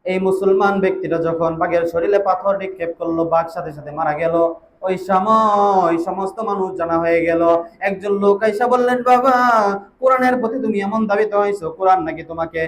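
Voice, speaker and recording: High-voiced chanting Bengali preacher. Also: male voice, slight background noise. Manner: chanting, sing-song delivery with loud exclamations. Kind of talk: Bengali waz sermon storytelling.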